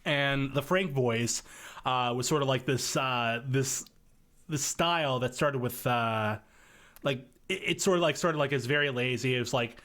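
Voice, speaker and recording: A man's voice: medium pitch, a little slow, fairly bright tone. A man talking casually as a podcast guest, hesitant, with many fillers and restarts. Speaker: podcast guest, video editor and voice actor. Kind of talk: casual chat.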